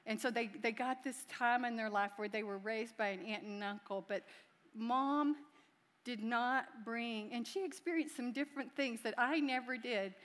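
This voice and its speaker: A middle-aged woman, the pastor's wife, speaking to a congregation in a chatty, heartfelt way. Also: a little high. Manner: chatty, warm, laughing, heartfelt. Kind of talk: church talk. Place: large church. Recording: long hall reverb.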